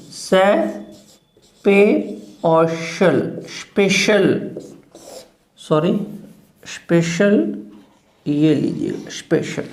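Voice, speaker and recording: A woman's voice: mid-range voice, darkish tone, echoey room. A woman with a Hindi accent teaching English phonetics, repeating each word several times. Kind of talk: phonetics lesson.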